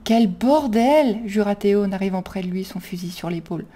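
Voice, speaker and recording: A woman narrating her own fan fiction, reading at a steady, measured pace. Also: mid-range voice. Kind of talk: storybook narration.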